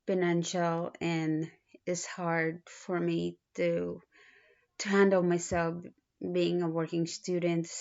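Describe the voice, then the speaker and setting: A woman in her thirties from the Philippines, speaking with a Filipino accent, introducing herself in a halting way with many pauses and restarts. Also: on the low side, a little mellow. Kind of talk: self-introduction video. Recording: dull lo-fi recording.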